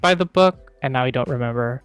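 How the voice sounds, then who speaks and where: A man's voice: mid-range voice, brisk, clean tone, no room sound, soft background music. A man co-hosting a casual book review show, chatty, laughing often and tripping over hard words. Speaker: podcast co-host.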